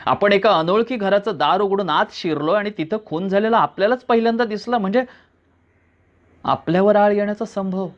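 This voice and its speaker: Brief: male reader with a somewhat high voice, narrating a thriller with suspense, dull recording. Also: a little fast. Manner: suspenseful second-person narration. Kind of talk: dramatic story reading.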